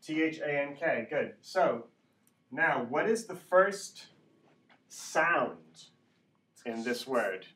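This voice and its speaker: A man's voice: a little high, expressive, slow, pauses often, a bit bright. A man teaching an English pronunciation class, speaking instructionally, repeating sounds and often checking understanding with a short tag question. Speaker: ESL teacher. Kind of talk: classroom phonics lesson, slow drilling. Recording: echoey room, distant mic, background noise.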